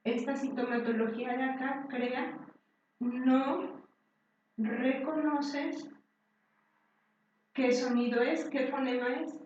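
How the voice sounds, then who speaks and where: Woman, lecturer, higher voice, heavy room echo, distant dull recording. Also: steady tone, darkish tone, slight background noise. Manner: slow and deliberate, with many fillers and restarts. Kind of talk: university lecture.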